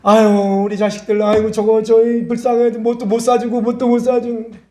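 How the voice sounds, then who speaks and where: A man's voice: very high-pitched, flat delivery, brisk, a little mellow, pitched above the performer's own voice. A man acting out a distressed churchgoer pleading and complaining to the Lord. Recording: echoey church hall.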